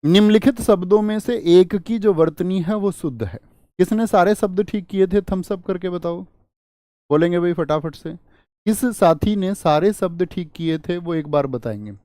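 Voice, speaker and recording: A man's voice: sits high, normal speed, dark tone, dry recording, studio quality. A male teacher giving an exam-prep Hindi spelling lesson, quizzing students with repeated rhetorical questions and calling them friends and brother. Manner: addresses viewers as friends and brother.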